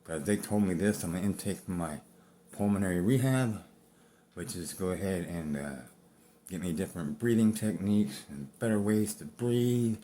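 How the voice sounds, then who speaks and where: A very low-pitched man in his fifties speaks short of breath. He talks bluntly and rambles, swearing freely as he tells his own story to camera. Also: normal speed, mellow, a little hiss or hum. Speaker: vlogger. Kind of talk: personal talk to camera.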